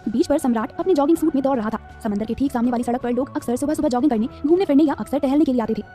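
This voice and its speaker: A woman narrating a serialized romance story in a dramatic, fast scripted style. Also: sits high, dark tone, soft background music.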